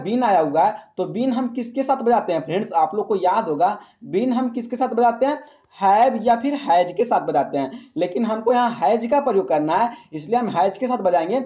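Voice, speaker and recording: A man's voice: high-pitched, warm tone, dull audio. A man teaching an exam-prep English grammar lesson. He asks the class questions, answers them himself, and keeps calling his listeners friends. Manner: calls listeners "friends" often; reads English example sentences slowly.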